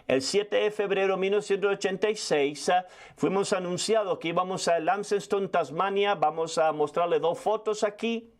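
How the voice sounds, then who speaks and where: Older male preacher, high voice, rapid testimony-style sermon with restarts. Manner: fast storytelling with frequent restarts.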